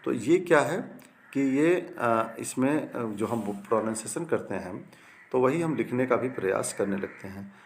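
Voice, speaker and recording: A man's voice: medium pitch, expressive, normal speed, slight background noise. Man drilling Hindi word corrections. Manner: repeats each example twice, wrong form then correct, with frequent "ठीक है ना" checks. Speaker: Hindi grammar teacher. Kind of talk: classroom-style lesson reading out corrections.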